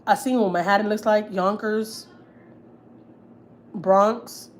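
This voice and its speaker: At home, a Houston, Texas woman chats casually on her livestream, reading viewer comments and rambling through fillers and frank slang. She speaks slowly in a mid-range voice with fairly even intonation, and a little hiss or hum is audible.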